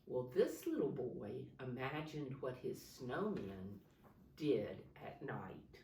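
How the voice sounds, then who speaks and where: During storytime, a preschool teacher reads a picture book to little kids in a low, mellow, sing-song voice. Her pace is slow and teacherly, with simple words, questions, and prompts. The roomy recording comes from a somewhat distant microphone, with a little hiss or hum.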